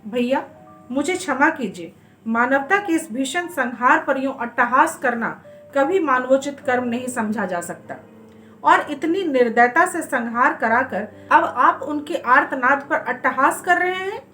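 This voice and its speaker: Gentle young prince begging his brother, lady reads it, high voice, soft music. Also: lively intonation, unhurried, full character voice. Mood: pleading. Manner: pleading, earnest. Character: gentle, pleading young prince, horrified by war.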